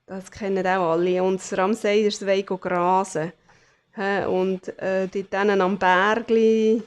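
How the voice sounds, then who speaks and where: A woman's voice: medium pitch, little pitch movement, a little slow. A woman with a Swiss German accent, hosting a casual crafting vlog, chatty and full of fillers as she shows her things to the camera. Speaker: craft channel host.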